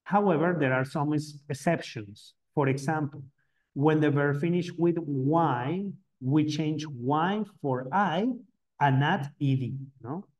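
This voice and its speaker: A man's voice: on the high side, takes it slowly, a little mellow. Man teaching English grammar in two languages. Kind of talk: bilingual grammar lesson.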